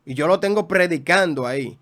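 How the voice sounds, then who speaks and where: A man's voice: fairly high pitch, a little fast, a bit bright. A man, a guest pastor teaching in a preaching style, emphatic, with rhetorical questions and repeated phrases.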